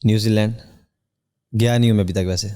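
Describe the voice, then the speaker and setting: A young man from Pakistan speaks as a podcast guest in a low, mellow and smooth voice. He keeps an even, flat delivery. His earnest answers are measured and broken by hesitant fillers. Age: young adult. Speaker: cricketer guest. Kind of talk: podcast interview.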